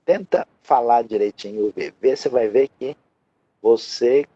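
A man's voice: medium pitch, measured pace, warm tone, breathy edge, no room sound, lo-fi sound. A man with a Brazilian Portuguese accent teaching a Hebrew lesson, patiently explaining step by step and often checking in with the listener.

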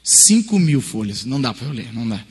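A man preaching a sermon in animated storytelling style, swinging between hushed asides and loud emphasis. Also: medium pitch, fast talker, husky. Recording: long hall reverb.

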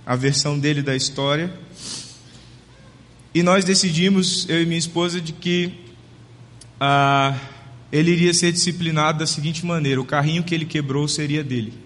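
A man in his thirties, a pastor preaching a sermon, telling a family story in a gentle, earnest way and slowing down for emphasis. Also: fairly high pitch, fairly even intonation. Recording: long reverb of a large hall.

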